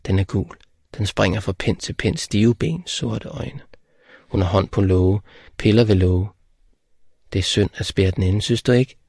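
A man narrating an audiobook in short, measured sentences. His fairly low voice is gravelly and husky, recorded dry and close. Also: darkish tone, dry recording. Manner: plain, terse, measured. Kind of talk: scripted literary narration.

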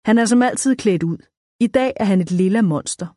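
A woman narrates a children's story in the first person, clear and even. Her pitch sits mid-range, and the recording is close and dry. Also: no room sound. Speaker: audiobook narrator.

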